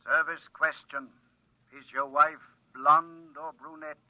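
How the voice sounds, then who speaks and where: A man with a fairly high, level voice speaks slowly as a talking advice machine in an old radio drama, coolly dispensing deadly advice. He sounds precise, impersonal and matter-of-fact, like an announcer heard through a small speaker, on a dry, muffled recording.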